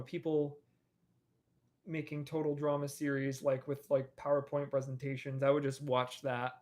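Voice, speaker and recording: Young man, casual stream chat, rambling with fillers, a bit high-pitched. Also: darkish tone. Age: young adult. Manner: rambling, many fillers and restarts. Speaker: animator and streamer.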